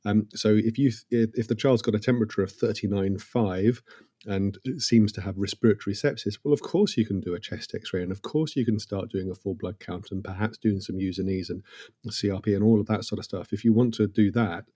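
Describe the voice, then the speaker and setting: A middle-aged man, a consultant paediatrician, explaining clinical practice in a podcast interview with measured, dry humour. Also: lowish voice, mellow.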